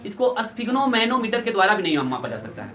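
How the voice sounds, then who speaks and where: A man's voice: high voice, sing-song, moderate pace, sharp tone. A male teacher giving a classroom lecture, constantly quizzing his students and repeating their answers. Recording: echoey classroom, distant mic, students heard.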